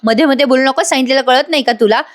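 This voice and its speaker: A woman's voice: high voice, very fast, voice pushed up, close to an everyday voice. A woman voicing an angry young man who orders others around. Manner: angry, commanding. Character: hot-tempered young man Mahesh.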